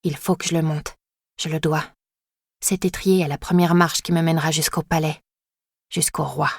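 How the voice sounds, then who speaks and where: A woman reading a first-person dark fantasy audiobook in an intense, dramatic way. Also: low-pitched, no room sound, clean studio sound. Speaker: audiobook narrator. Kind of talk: first-person scripted narration.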